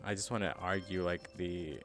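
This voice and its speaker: Man, very deep voice, curious and jokey, casual gaming chat, music clearly behind. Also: steady tone, moderate pace, a bit bright. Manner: inquisitive, joking, giggly. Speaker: podcast co-host.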